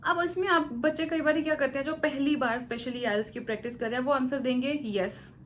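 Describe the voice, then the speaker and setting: High-voiced Indian woman teaching IELTS tips. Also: fairly even intonation, slight background noise. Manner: mixes English phrases into Hindi, repeats "theek hai" checks; acts out slow model English answers. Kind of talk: casual spoken tutorial.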